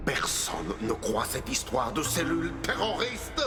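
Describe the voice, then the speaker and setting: A man voicing a scheming male mind-controlling villain in a cartoon, slow and menacing with sudden shouts. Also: fairly high pitch, wildly swooping pitch. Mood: commanding. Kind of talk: cartoon dub acting. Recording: roomy echo with music underneath.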